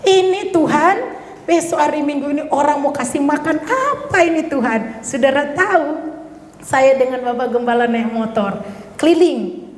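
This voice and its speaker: A woman's voice: high voice, moderate pace. A middle-aged woman, a pastor's wife, gives an emotional testimony sermon, often calling the congregation "saudara". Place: church hall. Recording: echoey church hall.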